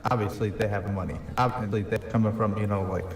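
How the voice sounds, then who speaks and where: Fast and fairly flat, a low male voice comes through a far-off, reverberant mic with a bit of hiss or hum, otherwise sounding natural. In game voice chat he improvises a young New York mafia hitman. He's boastful, rambling and hesitant as he tells the backstory, peppering it with "you know."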